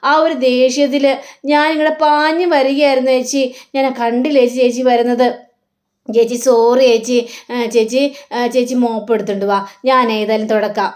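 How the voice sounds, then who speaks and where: An earnest young wife voiced by a woman pleads and apologizes. The voice sits high. She is a figure in a soap-serial retelling. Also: little pitch movement, moderate pace, a little mellow, lightly acted. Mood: apologetic.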